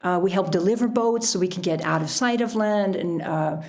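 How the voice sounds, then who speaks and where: The guest, a woman who is both author and sailor, speaks at a moderate pace in a low-leaning, slightly mellow voice. She's relaxed and reflective, chuckling often along the way.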